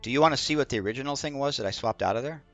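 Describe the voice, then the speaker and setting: A man's voice: mid-range voice, racing, a bit bright. A man playing a game and hesitantly second-guessing his own choices in casual chat. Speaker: channel host playing the game. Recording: dull lo-fi sound with faint music.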